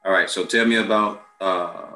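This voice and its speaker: Deep-voiced man hosting an interview. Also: steady tone, normal speed, bright, forceful tone, echoey room. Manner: blunt, preachy, street-level talk. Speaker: interview host. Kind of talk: casual interview.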